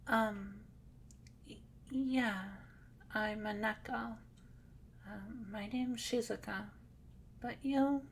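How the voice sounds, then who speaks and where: A woman's voice: fairly high pitch, steady tone, very slow, long pauses, a little hiss or hum. A woman voicing a shy, nervous cat-eared girl in an ASMR role-play, hesitant and stammering. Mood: wary. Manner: hesitant, stammering, soft-spoken.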